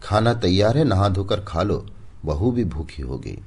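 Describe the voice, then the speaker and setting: A man's voice: low-pitched, animated, measured pace, darkish tone, slightly rough, pitched above the performer's own voice, heavily acted. A man voicing a weary, proud older village aunt who speaks curtly and with resignation. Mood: calm. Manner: curt, resigned.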